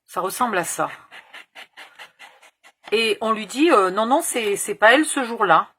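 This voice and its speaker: A woman's voice: on the high side, lively intonation, a little slow, bright, forceful tone, slightly rough. A woman in her fifties hosting a crafting tutorial, chatting casually and rambling through a story with casual swearing. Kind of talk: casual chat while crafting.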